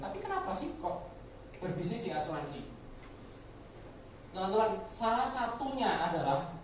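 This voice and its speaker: A woman with a lowish, darkish voice gives colleagues a motivational business talk, frequently addressing them directly with rhetorical questions and mixing in English words. The room is very echoey, the mic distant, with faint noise.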